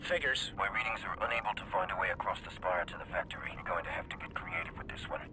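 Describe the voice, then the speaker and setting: Man playing a quick, brisk sci-fi soldier. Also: low voice, natural voice. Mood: dry. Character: brisk sci-fi squad soldier reporting under fire. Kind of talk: video game voice acting. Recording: loud battle noise over the voice.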